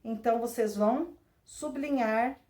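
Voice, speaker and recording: A woman teacher, reading and explaining a textbook lesson at an even, patient pace. She keeps checking in with her students through tag questions. Her voice sits a little away from the microphone in a roomy space. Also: a little high, a little slow, recorded from a distance. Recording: roomy sound, voice away from the mic.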